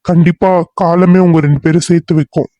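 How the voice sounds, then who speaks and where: A man's voice: on the high side, steady tone, brisk, warm tone, no room sound, dull audio, natural voice. Loyal police assistant in a cartoon serial, voiced by a man; earnest and coaxing. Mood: insistent. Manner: coaxing, insistent.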